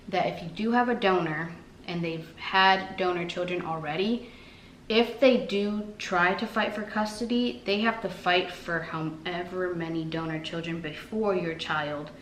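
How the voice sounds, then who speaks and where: A woman vlogger chatting casually, rambling with many fillers. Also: lowish voice. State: out of breath. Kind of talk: casual chat. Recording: echoey room, faint noise.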